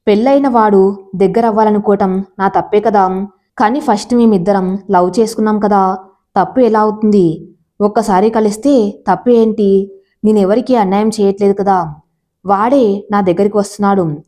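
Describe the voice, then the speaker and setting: A torn young woman asks herself over and over what she is doing, as a woman reads her part. Her voice is mellow and dark-toned, at an ordinary pitch. It sounds like the reader's own voice with little put on. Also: natural voice. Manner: anguished, questioning. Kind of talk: storybook character reading.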